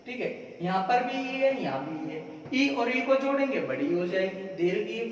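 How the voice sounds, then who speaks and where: A high-voiced man teaching a class, saying words again and again slowly and firing questions at the students. His voice sits back from the mic in a boomy room with a long reverb tail. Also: lively intonation, muffled recording, a little hiss or hum. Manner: drills spellings by repeating words slowly, quizzing the class. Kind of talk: classroom lecture. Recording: echoey room, voice from far off.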